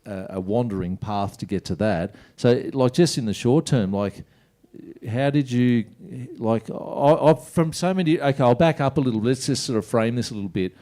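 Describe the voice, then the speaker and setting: A man's voice: medium pitch, moderate pace, warm tone. A man with an Australian accent hosting a casual chat show in a rambling, informal way, often interrupting himself. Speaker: host.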